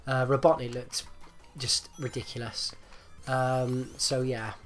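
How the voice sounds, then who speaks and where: Male gaming host, mid-pitched, chesty and phlegmy as if getting over flu, rambling casual delivery over music. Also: little pitch movement, takes it slowly. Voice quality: rattly, chesty, congested voice. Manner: hesitant, rambling, repeats himself. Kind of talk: casual gameplay commentary.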